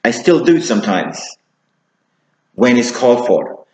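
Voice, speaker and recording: A man teaching public speaking, talking to camera and deliberately shifting his pace, slowing down for emphasis. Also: medium pitch, very animated, a little mellow, echoey room, lo-fi sound, slight background noise. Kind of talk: instructional talk to camera.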